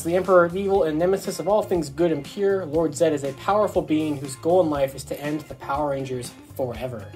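In a small dorm bedroom, a young adult man films a casual unboxing review for his toy vlog, speaking to the camera informally and eagerly. His voice is a little high, with a darkish tone.

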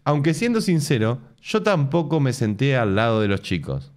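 A man in his thirties with an Argentine Spanish accent reads a post aloud on a casual live stream from a home room with bookshelves. His medium-pitched voice is very animated at a normal pace, and he keeps breaking off for sarcastic, laughing, mocking asides.

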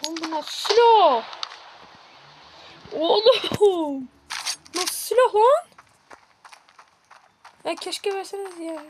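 A woman gaming streamer giving live gameplay commentary, excitable and yelping repeated words in tense moments. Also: extremely high pitch, takes it slowly, pauses often, slight background noise. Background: loud game music and gunfire.

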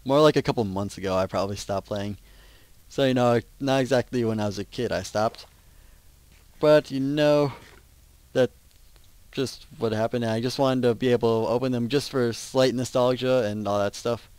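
A man's voice: medium pitch, moderate pace, a little mellow, clean tone, dry recording. A teenage young man from Minnesota, chatting casually over gameplay in a rambling, self-interrupting way. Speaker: gaming channel host.

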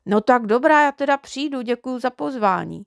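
A woman voicing a cheeky, mischievous little boy who talks slowly, earnestly and folksily in a storybook. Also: high-pitched, lively intonation, creaky, no room sound, clean studio sound, voice pushed up.

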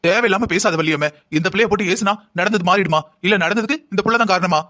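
Cartoon father-in-law telling his wife off, voiced by an actor, fast and steady. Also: sits high. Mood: stern. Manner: measured, reproving. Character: patient older father-in-law, stern peacemaker. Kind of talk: cartoon drama dialogue.

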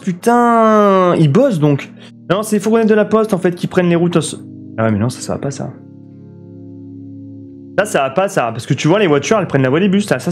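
A young French man streams a city-building game, chattering excitedly, cursing at traffic and answering his viewers. His voice sits a little high. Soft guitar music plays faintly underneath. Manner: excitable, swears a lot, talks to chat. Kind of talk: live city-builder gameplay commentary.

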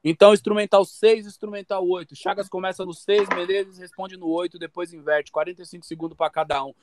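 A man's voice: sits high, flat delivery, brisk, a crowd in the background. A man, hosting a rap battle on a video call in casual slang. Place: small room at home.

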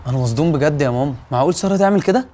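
An actor with an Egyptian accent playing Youssef, a young, hot-tempered, jealous husband in a TV comedy. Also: male voice, fairly high pitch, lively intonation, close to an everyday voice. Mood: worried. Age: young adult. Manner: loud and fast, shouting threats.

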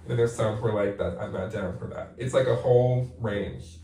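Interviewed while sitting in a bathtub, a man in his forties who writes plays talks candidly and reflectively, filling his speech with "like." He has a lowish, warm voice and a brisk delivery, and the far-off camera picks him up in an echoey bathroom.

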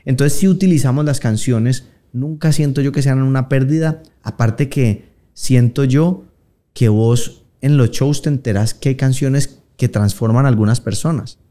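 A man in his thirties with a Colombian Paisa accent, chatting casually in an interview, slangy and relaxed, acting out the voices of people he quotes. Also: medium pitch, moderate pace. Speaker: interviewed singer.

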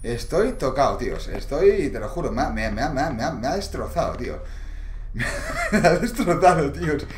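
Panicky, swearing gamer. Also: male voice, on the high side, huge pitch swings, normal speed, a little hiss or hum. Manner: panicky, swearing, shouting in fright. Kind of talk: horror game let's-play commentary. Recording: echoey room.

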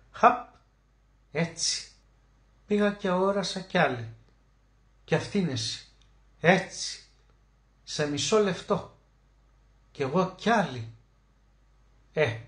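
A man narrating a literary short story as an audiobook, emotive, slowing down to stress key words. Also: a little high. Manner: emotive, with slow drawn-out emphasis on key words. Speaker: audiobook reader. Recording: roomy echo.

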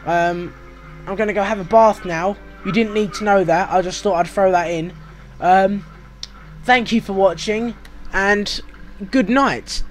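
High-voiced British guy rambling over gameplay. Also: unhurried, faint music behind. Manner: rambling, self-mocking, chatty. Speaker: gaming walkthrough host. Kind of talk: casual game commentary.

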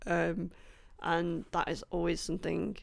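A woman chatting casually about books she has read, rambling with many ums, apologizing and laughing softly, her voice a bit rough. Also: fairly low pitch, flat delivery, a little slow. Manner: apologetic, laughs between points. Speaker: book vlogger. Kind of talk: casual book review chat.

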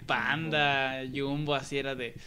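A man's voice: mid-range voice, little pitch movement, measured pace, pushed and bright, slight background noise. A man with a Mexican accent swears freely and mocks himself in a casual podcast chat. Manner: swears freely, self-mocking.

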